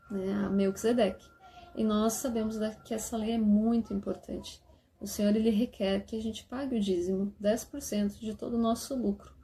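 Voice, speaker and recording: A woman gently explaining church lessons for parents to teach their children, often checking in with a soft "né?". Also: mid-range voice, a little hiss or hum. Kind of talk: casual instructional talk.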